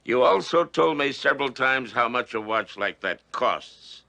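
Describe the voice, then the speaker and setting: A gruff, bossy old prosecutor. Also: male voice, mid-range voice, expressive, unhurried, sharp tone, exaggerated voice. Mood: exasperated. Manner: exasperated, curt, bossy. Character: veteran district attorney, older man, gruff and imperious. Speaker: district attorney.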